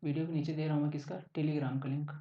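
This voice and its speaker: A man's voice: a little high, little pitch movement, fast talker, mellow. Man, exam coaching teacher, casual lesson, keeps checking in, echoey room, muffled. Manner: chatty, keeps checking in with listeners. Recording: roomy, distant, dull sound.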